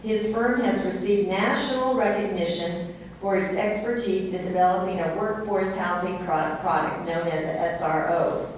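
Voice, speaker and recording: Brief: middle-aged woman at a podium, introduction speech, distant mic, boomy hall. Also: steady tone, moderate pace. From San Diego, United States. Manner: reads a biography with occasional fillers. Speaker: speaker introducing her father at an event. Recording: echoey hall, voice from far off, faint hiss.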